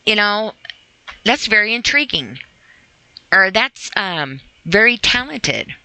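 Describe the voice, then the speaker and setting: She hosts a podcast, reading a sobriety e-book aloud and weaving in earnest, conversational encouragement aimed directly at the listener. Her mid-range voice swings widely in pitch, moves slowly and has a sharp edge. The poor-quality recording has no room sound.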